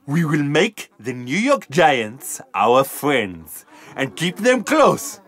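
A pompous lemur king for a children's storybook. The voice is high and swings wildly in pitch. He draws out his words slowly with grand, melodramatic flourish. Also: big pitch swings, a bit bright, no room sound, full character voice. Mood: grandly self-satisfied. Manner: grandiose, drawn-out dramatic delivery.

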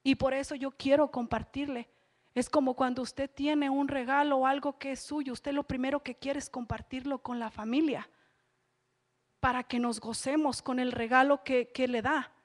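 High-voiced woman preaching earnestly. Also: fairly even intonation, moderate pace. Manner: earnest, repeats phrases for emphasis. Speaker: lay preacher. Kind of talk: church sermon. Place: church service.

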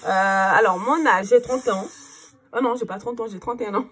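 A woman's voice: mid-range voice, moderate pace, fairly bright tone, a little hiss or hum. A woman in her thirties with a Cape Verdean Portuguese accent, chatting casually to the camera as a vlogger, with lots of fillers. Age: 30s. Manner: chatty, many fillers, distracted by her child.

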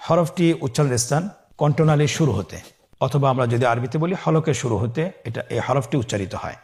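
A man from Bangladesh teaching the Quran in a recorded lesson, patient and instructive, stretching each letter name long and loud so listeners can repeat it. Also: medium pitch, fast.

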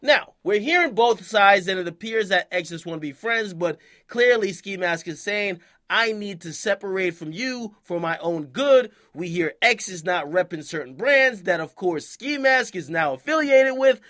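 A young man giving casual hip-hop news commentary, animated and slangy with profanity, often tacking on "okay?". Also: high-pitched, normal speed, few pauses.

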